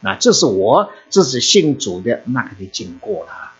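An older man from China, telling his personal faith story to a church congregation in an animated storytelling way. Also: moderate pace, breathy edge. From China, Shanghai and Zhoushan. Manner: animated storytelling, lively swings in pitch and loudness. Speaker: church member giving testimony. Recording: muffled lo-fi recording.

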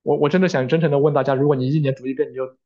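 A man interpreting a sermon live, with fillers and quick self-corrections. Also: mid-range voice, steady tone, dark tone, muffled recording.

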